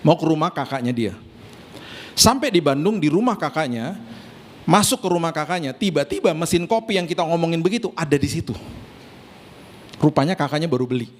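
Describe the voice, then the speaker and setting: Animated male pastor telling stories. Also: a little high, fairly quick, pauses often. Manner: animated storyteller acting out dialogue. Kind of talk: sermon with storytelling. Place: church auditorium.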